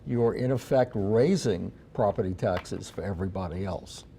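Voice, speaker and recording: A man's voice: lowish voice, normal speed, creaky, dark tone, a little hiss or hum. A man working as an election analyst, adding unscripted commentary on a live panel.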